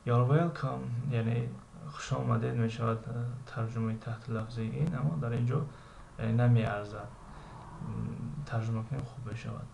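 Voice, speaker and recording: A man with a Tajik accent teaching English, reading English lines slowly and explaining them with frequent hesitations. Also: mid-range voice, steady tone, creaky, dark tone. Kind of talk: recorded language lesson. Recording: echoey room with faint ambient noise.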